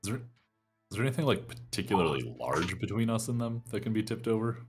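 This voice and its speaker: A man playing a tabletop game, chatting casually with halting, tentative phrasing. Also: on the low side, lively intonation, loud music behind the voice. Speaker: player.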